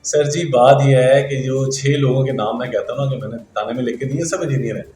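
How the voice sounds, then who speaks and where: A man's voice: medium pitch, fairly even intonation, dark tone, recorded from a distance, slight background noise. A middle-aged man and interview guest, speaking earnestly and respectfully, often addressing his host as sir. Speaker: interview guest, engineering teacher. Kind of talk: interview answers. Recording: echoey room.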